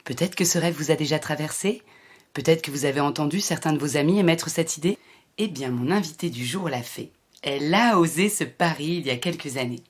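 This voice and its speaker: A woman's voice: deep voice, fairly quick. French woman hosting a podcast. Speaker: podcast host. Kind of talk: scripted intro then casual interview.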